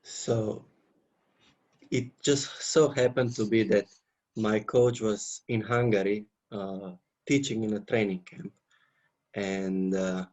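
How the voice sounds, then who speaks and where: Slow-spoken man in his twenties. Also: fairly low pitch, darkish tone. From Slovenia. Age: 20s. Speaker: dancer, interview guest.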